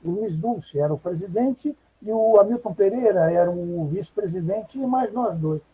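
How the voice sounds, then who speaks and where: A man reminisces at a virtual book launch in a very dark, mellow voice with a husky edge. He speaks hesitantly, stopping and restarting as he recalls the past. The sound comes through a video call. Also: high-pitched, animated, moderate pace, rough recording. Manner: hesitant, with many fillers and restarts. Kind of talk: reminiscing testimony.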